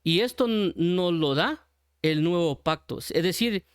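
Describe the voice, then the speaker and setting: A man's voice: high-pitched, lively intonation, measured pace, clear, resonant tone, no echo. Guatemalan man preaching, dry close voice. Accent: Guatemalan Spanish. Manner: explanatory, repeats points with many restarts. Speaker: Bible teacher. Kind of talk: sermon.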